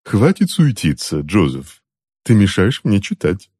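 A man voicing a cold, sardonic aunt who speaks slowly and coolly and mocks her husband. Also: lowish voice, huge pitch swings, dark tone, breathy edge, no echo, studio quality, voice pushed up, heavily acted. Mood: mocking. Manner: unhurried, cool, mocking. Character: cold, sardonic witch aunt reading a book. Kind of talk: audiobook character voice.

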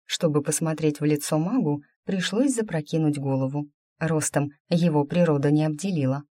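A woman reading a first-person fantasy novel aloud, in a wry, even storytelling manner. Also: low-pitched, moderate pace, dry recording, clean studio sound. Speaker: audiobook narrator.

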